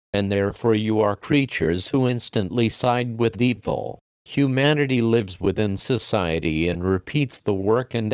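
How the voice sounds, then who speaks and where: A man giving a solemn, measured scripted reading of a religious message, slowing down for the scripture references. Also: fairly low pitch, a little mellow, clear, resonant tone, no room sound, clean studio sound. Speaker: reader of a religious prophecy message.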